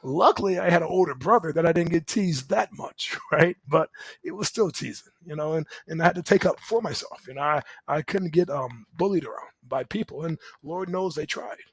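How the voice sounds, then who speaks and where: A middle-aged man hosting a podcast, telling his life story in a lively, conversational way, chuckling often. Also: fairly high pitch, brisk, husky, no echo. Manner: animated, conversational, chuckles often, asks "right?". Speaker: podcast host. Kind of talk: personal storytelling monologue.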